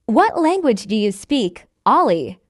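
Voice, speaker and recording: For English learners, a woman reads a simple scripted dialogue slowly, with precise pronunciation and every line repeated. Her slightly high voice has a sing-song quality and a somewhat slow pace. There's no room sound, and the studio audio is clean.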